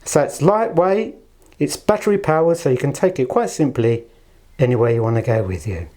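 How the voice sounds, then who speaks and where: An audio shop presenter, filming himself on a handheld camera gripped in one hand, walks through a product casually. He has a dark-toned, medium-pitched, expressive voice at normal speed, with a polite, chatty manner that favors understated superlatives.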